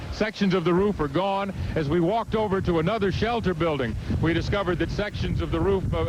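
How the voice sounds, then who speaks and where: A man reporting live from outdoors in a storm, halting and raising his voice over the wind. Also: high voice. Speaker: field reporter. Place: outdoors in a hurricane. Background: loud outdoor storm ambience.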